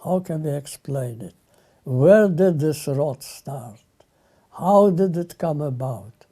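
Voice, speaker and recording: An older man from Lithuania, giving solemn spoken testimony in short, halting phrases. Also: fairly high pitch, animated, mellow.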